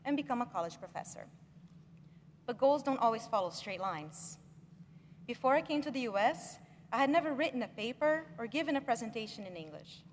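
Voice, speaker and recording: A young woman delivers a graduation speech from a podium, earnest and measured, pressing on important words. Her voice sits a little high, and it rings through a large hall with a long reverb. A faint wash of room noise lies underneath. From Brazil. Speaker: graduate speaker. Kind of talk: commencement speech.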